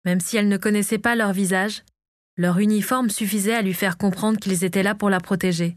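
A woman narrating a fantasy audiobook in a calm, measured storytelling manner. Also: mid-range voice, no room sound, studio quality. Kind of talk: scripted narration of a fantasy novel.

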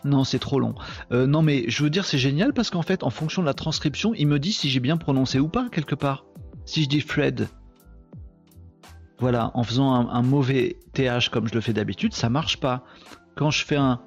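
A man's voice: mid-range voice, normal speed, muffled recording, soft background music. A man hosting a live online show, chatting casually and mocking himself with lots of fillers. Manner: joking, self-mocking, chatty with many fillers. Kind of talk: casual live-stream chat.

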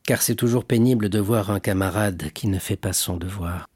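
A man's voice: lowish voice, moderate pace, a little mellow, husky, no room sound, studio quality, voice pushed down. Danglars, a man doing a sly jealous schemer. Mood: insinuating. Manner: sly, insinuating. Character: jealous scheming male ship's accountant.

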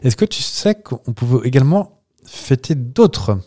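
A man's voice: medium pitch, sing-song, measured pace, warm tone, slightly rough. A man co-hosting a podcast in casual, playful chat, often laughing at his own jokes. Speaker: podcast co-host.

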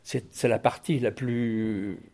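Appearing as a guest on a radio interview, this record producer and music writer in his fifties or older talks with passion, frequently tripping over and repeating his words. His voice is medium-pitched, steady and dark, and he takes his time.

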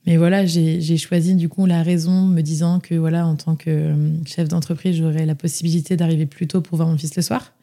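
A woman's voice: low-pitched, little pitch movement, brisk, few pauses, dark tone. A young woman from France telling her personal story as an interview guest, chatty, with many fillers and restarts. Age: young adult.

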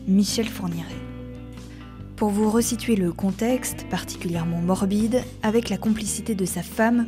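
A woman with a metropolitan French accent hosts a podcast, reading a scripted true-crime narration in a measured, dramatic storytelling way. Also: medium pitch. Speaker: podcast host. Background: background music.

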